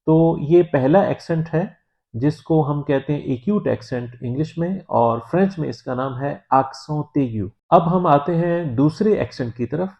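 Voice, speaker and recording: A man from Pakistan giving a language lesson, explaining in a measured, patient way with frequent hesitant pauses. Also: on the high side. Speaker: French teacher. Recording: dull lo-fi recording.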